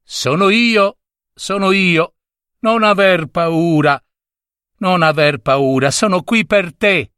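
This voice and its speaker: A man doing a gentle, soothing old grandmother. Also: high voice, slow, clean tone, no echo, clean studio sound, voice pushed up, full character voice. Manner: soothing, reassuring. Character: gentle, protective old grandmother calling through a dog.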